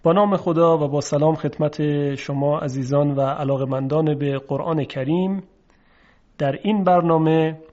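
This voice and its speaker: Persian guy teaching quran letter sounds, kinda high voice, slow and careful, dull lo-fi audio. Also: a little mellow. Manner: slow, measured explanation with drawn-out example words. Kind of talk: recorded lesson on Arabic letter pronunciation. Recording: dull lo-fi recording.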